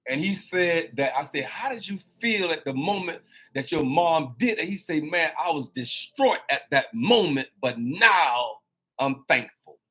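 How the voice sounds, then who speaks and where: A man in his fifties with a somewhat high voice delivers a motivational talk like a sermon. He calls out to his listeners, repeats lines for emphasis, and laughs often. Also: measured pace, breathy edge. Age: 50s. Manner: animated and preachy, addressing listeners directly. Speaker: host.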